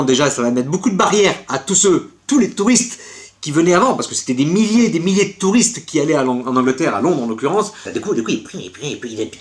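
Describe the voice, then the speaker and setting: A man ranting in a casual vlog, exasperated and repeating his words. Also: mid-range voice. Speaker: collector vlogger.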